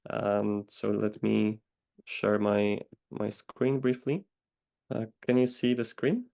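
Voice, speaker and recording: A man answers interview questions over a video call, slow to find his words and pausing often. His voice sits low and gravelly, and the pitch stays flat throughout. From Poland. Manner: measured, hesitant with many pauses. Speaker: guest consultant.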